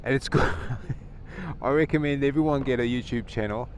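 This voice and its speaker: A man's voice: mid-range voice, normal speed. Man ranting from inside a motorcycle helmet. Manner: opinionated, chuckling, conversational. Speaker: motovlogger. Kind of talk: casual rambling rant to camera. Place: inside a helmet while riding a motorcycle outdoors. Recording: inside motorcycle helmet, engine and traffic noise.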